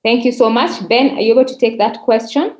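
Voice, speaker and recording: A woman's voice: a little high, fairly quick, a little mellow. A woman moderating an online forum over a video call, encouraging speakers and calling on them by name. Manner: encouraging, calls on participants by name. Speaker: webinar moderator. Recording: roomy echo.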